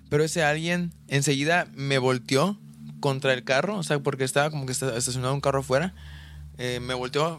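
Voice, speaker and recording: A young man talking casually on a podcast, his mid-range voice stumbling over restarts and fillers as he goes. A faint background hiss sits under the recording. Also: medium pitch. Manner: hesitant, many restarts and fillers. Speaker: podcast co-host. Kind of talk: casual chat.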